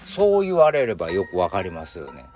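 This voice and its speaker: Chatty Kansai man, low lively voice. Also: brisk. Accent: Kansai Japanese. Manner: chatty, musing, many fillers. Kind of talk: casual spoken commentary. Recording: music playing behind.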